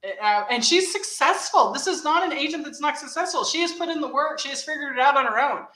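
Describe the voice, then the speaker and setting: A woman hosts a casual chat with a bright, forward voice, telling stories with energy and laughing easily. The room adds a noticeable echo. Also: sits high, fairly quick. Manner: animated storyteller, laughs easily. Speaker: host.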